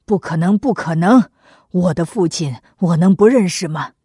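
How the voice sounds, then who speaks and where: Indignant young prince, loud and low, voiced by a woman narrator. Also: moderate pace, breathy edge, no room sound, studio quality. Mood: shocked. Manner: loud, angry outbursts.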